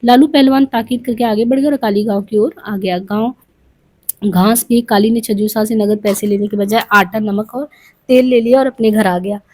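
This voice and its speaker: A woman narrating a novel aloud in an unhurried, plain way. Her voice is mellow and slightly husky. Now and then she stops to explain a passage in her own words. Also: a little high, fairly even intonation. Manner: plain reading with explanatory asides.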